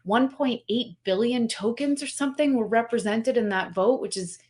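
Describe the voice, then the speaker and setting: A woman's voice: a little high, moderate pace. Chatty woman guest, lots of fillers. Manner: animated, filler-heavy, restarts sentences. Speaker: guest, company representative. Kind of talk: casual conversational interview.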